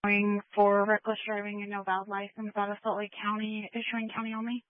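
A woman police dispatcher speaks in brisk coded phrases over a police radio. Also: medium pitch, completely flat delivery, dry recording. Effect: police radio transmission. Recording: dull dry radio sound.

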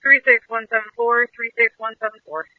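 A man working as a police officer, calling in brisk, procedural updates over a police radio. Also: extremely high pitch, little pitch movement, no room sound. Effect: police radio transmission. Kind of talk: clipped radio call-in. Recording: tinny phone-like police radio.

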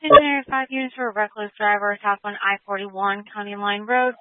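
A woman's voice: mid-range voice, no echo. Woman dispatcher over a tinny two-way radio. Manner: clipped radio codes. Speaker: police dispatcher. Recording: tinny dry radio channel.

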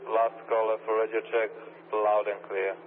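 A man's voice: lowish voice, little pitch movement, normal speed. A man working as a radio base operator, giving terse, clipped procedural replies over a crackly two-way radio. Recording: crackly narrowband radio, heavy static.

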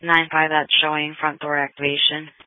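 A woman's voice: deep voice, level tone, normal speed, dry recording. A woman working as an emergency dispatcher, giving brief clipped calls over a two-way radio. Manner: brief, clipped call codes. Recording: tinny, dry two-way radio.

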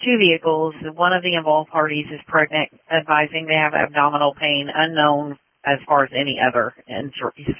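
A male emergency dispatcher heard through a tinny two-way police radio, his voice a touch high for a man. He reads out calls in a clipped, matter-of-fact way, and the transmission is dry and narrow. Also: level tone, brisk, few pauses, dry recording.

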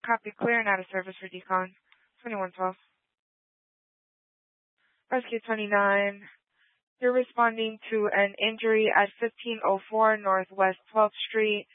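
A woman emergency dispatcher giving brisk, matter-of-fact calls, heard over a dispatch radio channel. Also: medium pitch, steady tone, dry recording. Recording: tinny, dry radio transmission.

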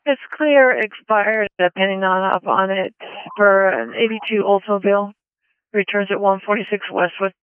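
A male police dispatcher answering over a two-way radio, brisk, reading out vehicle records in radio code. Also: high voice, clear, resonant tone, no echo. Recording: tinny dry radio transmission.

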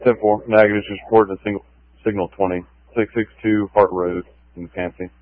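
A man's voice: on the low side, little pitch movement, a little fast, no room sound. A man talking as a police officer over a police radio transmission, terse in radio codes. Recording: tinny dry radio line with faint music.

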